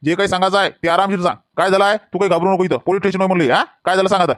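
A man playing a calm, deep-voiced village police officer. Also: rapid-fire, no echo, studio quality. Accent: Varhadi Marathi. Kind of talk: rural comedy skit acting.

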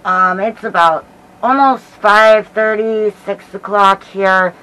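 A middle-aged American woman giving a casual vlog update in a hesitant, halting way while feeling sick with a headache. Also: mid-range voice, steady tone, bright, forceful tone, rough recording. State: unwell with headache and nausea. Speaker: paranormal vlogger. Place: small dim bedroom, indoors. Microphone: camera mic at about arm's length, through a cloth face mask.

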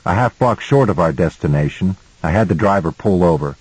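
Guy reading an audiobook, deep voice, kinda husky, steady storytelling. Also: no room sound, low-quality recording. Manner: measured storytelling. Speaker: audiobook narrator. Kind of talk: scripted first-person audiobook narration.

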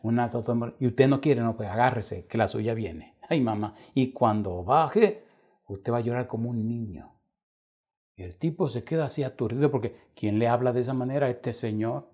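In a medium-pitched voice at a moderate pace, a male pastor preaches with acted-out anecdotes. He dramatizes the story's people, alternating loud and hushed quoted voices.

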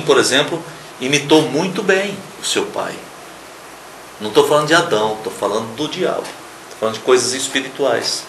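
A man's voice: mid-range voice, reverberant, a little hiss or hum, poor audio. Emphatic male TV preacher. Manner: emphatic, swings between loud stresses and quiet asides. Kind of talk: sermon on a local TV program.

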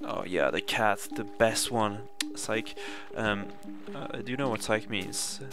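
With game music in the background, this young gaming channel host from Sweden talks through a casual playthrough in a low-leaning voice at a slow pace. His Swedish accent is clear, and he leans on fillers and keeps correcting himself.

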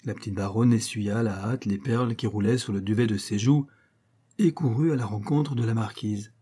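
A male audiobook reader with a dark, mellow timbre and a slightly husky grain. He tells a period story in an even, measured way. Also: on the low side. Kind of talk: literary audiobook narration.

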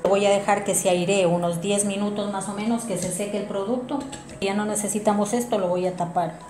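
A woman briskly explains each step of a hands-on craft to viewers in a casual tutorial recorded in a small room at home. Her medium-pitched voice is mellow with fairly even intonation. There's roomy echo and music in the background.

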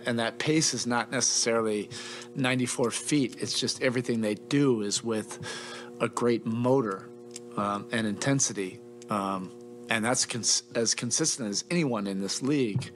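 A middle-aged man, a head coach at a postgame press conference, talking in a measured, halting way with many fillers and restarts into a table mic in a press room. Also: mid-range voice, fairly bright tone.

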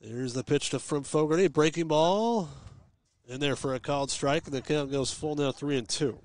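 A man calling live high school baseball on the radio from a ballpark press box, giving steady pitch-by-pitch calls with chatty, folksy asides. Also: normal speed, dry recording. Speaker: play-by-play radio announcer. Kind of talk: live radio sports commentary.

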